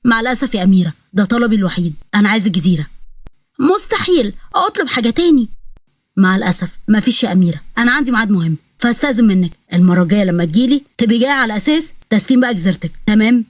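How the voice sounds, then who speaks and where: A woman's voice: mid-range voice, expressive, racing, no echo, voice pushed down, close to an everyday voice. A woman with an Egyptian accent voicing a scheming, greedy young male prince who taunts his rival. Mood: cold. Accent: Egyptian Arabic. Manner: taunting, smug.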